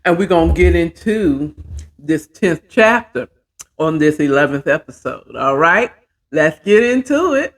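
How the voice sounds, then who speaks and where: Low-voiced but with lively intonation, this middle-aged American woman speaks unhurriedly. As host of a storytelling show, she chats folksily with her audience and tends to talk to herself while working.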